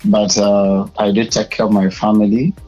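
Hesitant Ugandan man, low husky voice. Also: little pitch movement, normal speed, warm tone, muffled recording, faint music behind. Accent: Ugandan English. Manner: hesitant, many filler sounds. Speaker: guest, media personality and public speaker. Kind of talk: casual interview.

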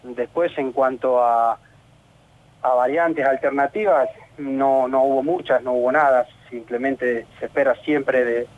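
Argentine footballer, male, halting and frustrated, phone-line sound on radio. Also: medium pitch, steady tone. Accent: Argentine Spanish. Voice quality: halting, many restarts and fillers. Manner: earnest, frustrated. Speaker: professional footballer. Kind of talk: radio interview.

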